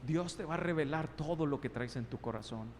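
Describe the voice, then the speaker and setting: A man's voice: on the high side, brisk, a little hiss or hum. A male pastor preaching an impassioned sermon, asking many rhetorical questions and voicing God's replies. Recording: long reverb in a large hall, faint ambience.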